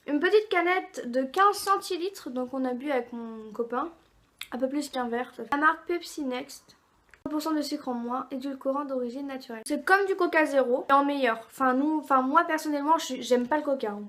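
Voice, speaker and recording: A woman's voice: sits high, a bit bright. A woman vlogger chatting casually through a box unboxing, reading product labels aloud with many fillers.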